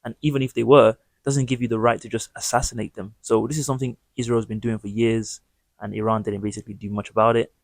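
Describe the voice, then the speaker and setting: A man with a low, gravelly voice gives his opinions on the news. His delivery is emphatic and indignant, and his sentences run long. The sound is close and dry. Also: little pitch movement, fast, no room sound. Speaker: political commentary host. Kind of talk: opinionated commentary on news clips.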